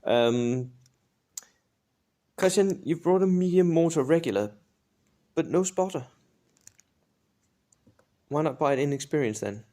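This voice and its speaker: A man's voice: on the high side, expressive, measured pace, pauses often, mellow. A man hosting a tabletop wargame tutorial, reviewing an army list in a chatty, casual way, often tagging "right?" onto his points. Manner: chatty, filler-heavy, often asks "right?".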